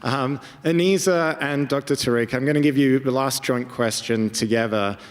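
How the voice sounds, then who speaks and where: A man moderating a live panel discussion, brisk and upbeat, keeping the questions moving. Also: mid-range voice, long reverb tail. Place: large event hall.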